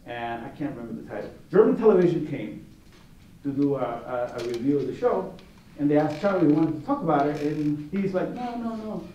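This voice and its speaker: A man's voice: fairly high pitch, expressive, fairly quick, mellow, muffled recording. Rambling man giving a roomy gallery talk. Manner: rambling, many restarts and asides, anecdotal. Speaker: art competition juror giving a gallery talk. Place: art gallery. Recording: roomy echo, distant mic, faint noise.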